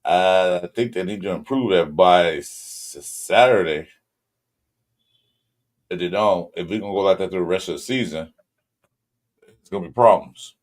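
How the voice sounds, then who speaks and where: Deep-voiced laid-back Southern California podcast host. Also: male voice, normal speed, long pauses. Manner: loose, rambling delivery with many ums, greets viewers mid-talk. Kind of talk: casual sports podcast chat.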